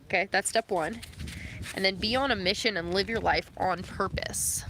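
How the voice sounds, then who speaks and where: A woman's voice: medium pitch, moderate pace, a bit bright. A young woman live-streaming from her phone outdoors, chatting casually and reading out comments, with plenty of fillers. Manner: chatty, filler-heavy, reads chat comments aloud. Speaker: livestreamer. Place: outdoors near passing vehicles. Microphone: phone held close. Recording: phone recording with outdoor noise.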